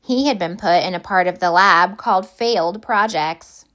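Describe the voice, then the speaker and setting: Her voice leaning low, a woman gives a storyteller's reading of a children's picture book, phrasing it deliberately and with expression.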